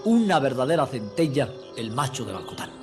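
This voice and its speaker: A man's voice: medium pitch, very animated, moderate pace, over loud music. A man narrating a nature documentary in an emphatic, didactic, scripted way, addressing viewers as friends.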